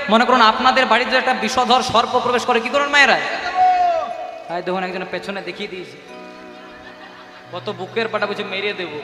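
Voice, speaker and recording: A male kirtan singer addressing a devotional gathering, an animated, coaxing storyteller speaking through a handheld microphone. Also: very high voice. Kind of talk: devotional talk and call-and-response kirtan. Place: live devotional gathering in a reverberant hall. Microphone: handheld stage microphone. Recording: echoey live hall with music.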